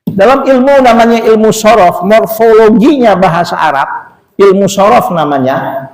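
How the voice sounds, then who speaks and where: High-voiced joking male preacher. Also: moderate pace. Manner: joking, asks the congregation questions. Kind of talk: Sunday morning mosque sermon. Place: mosque. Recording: echoey mosque hall.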